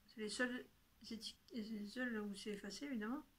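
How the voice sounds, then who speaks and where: A woman with a highish voice, speaking at normal speed, hosts a knitting video podcast. She chats casually to camera, showing her knitting and yarn and often correcting herself as she goes.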